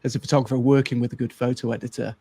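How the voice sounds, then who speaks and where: A man with a mid-range, slightly gravelly voice hosting a podcast. He is conversational and encouraging, framing questions for his guest. The sound is close and dry. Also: mid-range voice, little pitch movement, rapid-fire, mellow, dry recording. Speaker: podcast host, photographer. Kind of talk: podcast interview.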